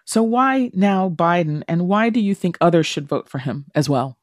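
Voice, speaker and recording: A woman's voice: lowish voice, lively intonation, normal speed, dry recording. Dry-sounding woman radio interviewer. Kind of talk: broadcast interview, explanatory. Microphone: close studio radio mic.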